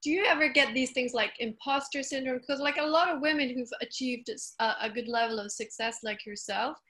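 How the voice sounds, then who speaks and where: A woman's voice: high-pitched, fairly quick, fairly bright tone. A woman hosting, asking long, rambling interview questions. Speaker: host.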